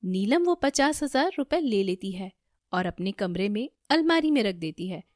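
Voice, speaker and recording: A woman narrating a family moral story for a cartoon in a steady, even manner. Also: mid-range voice, normal speed, no echo, studio quality.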